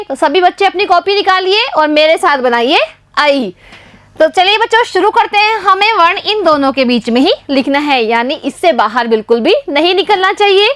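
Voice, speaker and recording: A woman teacher from Rajasthan leads a primary school lesson, talking slowly and patiently to young children. Her voice sits very high. The recording is dry and close, with no room sound. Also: a bit bright, no echo. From Rajasthan, India. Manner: slow, patient, addresses children constantly.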